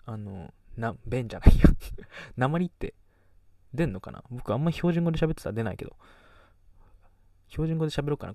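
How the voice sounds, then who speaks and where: A man's voice: mid-range voice, vocal fry, warm tone, dry recording, distant mic. A nineteen-year-old man from Kagoshima with a light Kagoshima accent, chatting casually as a podcast host, rambling and losing his thread. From Kagoshima, Japan. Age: teens. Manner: rambling, self-deprecating, trails off mid-thought. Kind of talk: casual chat.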